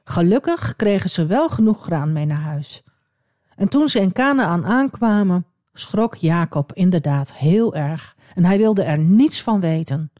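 Lively woman telling children's Bible stories. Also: lowish voice, a little slow, dry recording, clean studio sound. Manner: lively, expressive, with asides to the listener. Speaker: storyteller.

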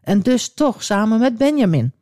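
A woman telling a Bible story to children in a gentle, expressive way. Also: on the high side, normal speed, no room sound, clean studio sound.

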